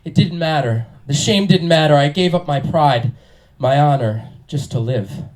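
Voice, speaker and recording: A man playing a cowardly young prince confessing shame, in hammy, deliberately bad audition acting. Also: fairly high pitch, darkish tone, natural voice, poor audio. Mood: anguished shame. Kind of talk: comic stage scene reading.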